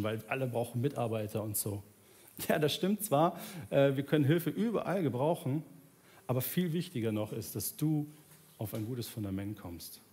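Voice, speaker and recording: Soft instrumental music runs under this sermon from a large church stage, where an earnest pastor in his thirties drops soft and low, then lifts his voice to plead, and finally closes in prayer.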